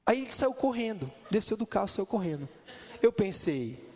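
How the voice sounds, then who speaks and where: A man preaching a sermon who tells lively stories and acts out the voices of the people in them. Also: high voice, normal speed. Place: church hall. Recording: long reverb of a large hall.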